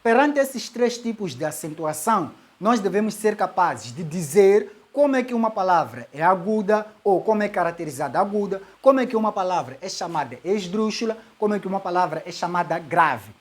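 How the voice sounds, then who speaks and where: A woman's voice: medium pitch, expressive, a little fast, hardly any pauses. A woman teacher, working through an exam question step by step, repeating key words and checking in with "ok?". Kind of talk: exam-solving lesson.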